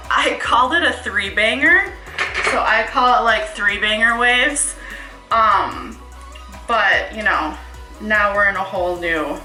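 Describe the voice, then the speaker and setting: A young woman with a bright, forward voice talks casually through a hair tutorial, rambling with fillers and asides and a little out of breath. She sounds like she is in an echoey room at home. Faint music plays behind her. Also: mid-range voice. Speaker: hair stylist vlogger.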